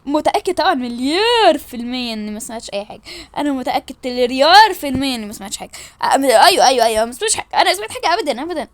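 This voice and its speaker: A woman's voice: high-pitched, very animated, racing. A woman playing a stammering flustered young man. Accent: Egyptian Arabic. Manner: stammering, panicky denials.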